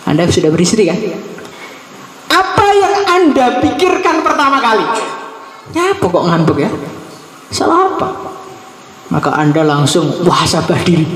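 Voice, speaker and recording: Animated preacher man in an echoey hall. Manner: animated, joking, swings between low murmurs and high exclamations. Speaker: Islamic preacher. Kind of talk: humorous religious sermon. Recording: echoey hall with long reverb, faint noise.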